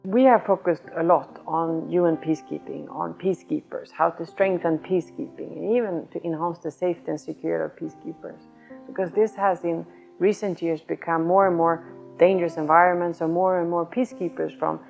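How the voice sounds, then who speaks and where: A woman heading a policy research cluster, speaking in a measured way and pausing to choose her words. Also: on the low side, fairly even intonation, vocal fry, a little mellow. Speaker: head of a policy center cluster. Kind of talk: interview statement. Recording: slightly muffled recording with music.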